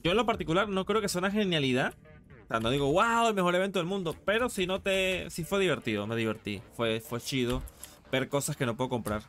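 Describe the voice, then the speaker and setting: A streamer with a Latin American Spanish accent talks fast in a high-leaning, slightly bright voice, faint music behind him. He chats casually and informally on his live gaming stream, using slang and swearing now and then.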